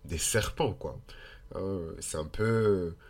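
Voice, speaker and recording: This Frenchman, a podcast host, talks slowly in a low-pitched voice, nasal and stuffed-up from a blocked nose, with a French accent. He explains things informally and hesitantly, thinking out loud and drifting into tangents.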